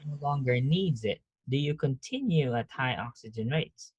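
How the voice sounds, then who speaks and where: A man's voice: mid-range voice, lively intonation, normal speed, darkish tone, dull audio, slight background noise. A man teaching a nursing class over a video call, talking casually, restarting sentences and quizzing students. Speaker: nursing professor. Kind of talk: online class lecture.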